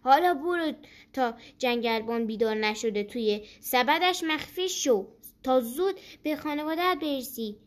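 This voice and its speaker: Storybook rooster, kind and helpful, slow and explaining, high voice, as a woman puts it on. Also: expressive. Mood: encouraging.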